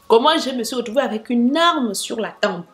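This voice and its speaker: A young woman recounts a personal story in an animated, dramatic monologue, often turning to her viewers with asides. Her voice sits a little high. Faint music runs in the background. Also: normal speed. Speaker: vlogger telling a story.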